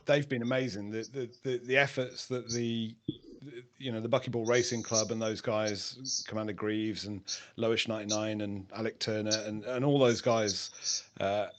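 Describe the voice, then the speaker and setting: A man's voice: fairly low pitch, fairly even intonation, moderate pace, a little hiss or hum. A man on a gaming podcast, friendly and enthusiastic, praising others in the community. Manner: friendly, enthusiastic, gives shout-outs. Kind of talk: casual gaming chat.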